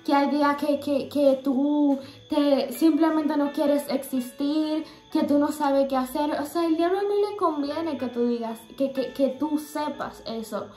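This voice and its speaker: High-pitched young woman sharing a faith testimony, earnest and halting, roomy echo. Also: warm tone, soft background music. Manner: earnest, halting, many fillers and restarts.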